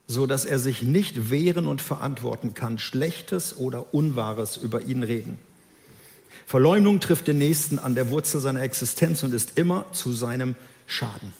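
A man preaching a sermon, emphatic and lively, who acts out the voices of the people he quotes. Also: medium pitch, creaky, big-room sound.

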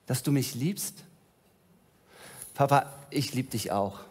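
A man's voice: medium pitch, slow pace, a little mellow, breathy edge. A man playing Adam, gushing and childlike. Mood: dreamy, tender. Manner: enthusiastic, gushing, talking to an unseen father.

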